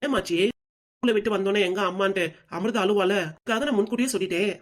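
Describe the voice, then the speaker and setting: A woman voicing an eager schoolboy grandson in a cartoon, with a southern Tamil Nadu accent, explaining quickly and talking back. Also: medium pitch, voice pushed down, natural voice.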